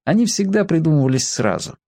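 A man's voice: on the high side, big pitch swings, brisk, creaky, dark tone, dry recording, studio quality. A man reading a children's story aloud, expressively giving each character a voice of their own.

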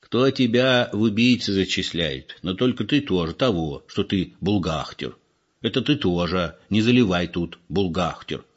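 A man voicing a shrewd, gruff old village man who scolds and probes, on a dull lo-fi recording. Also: low voice, expressive, moderate pace. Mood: scolding.

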